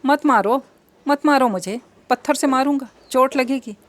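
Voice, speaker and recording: A woman's voice: on the high side, normal speed, no room sound, lightly acted. A woman voicing a simple-minded young man who talks like a child and pleads through tears. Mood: tearful.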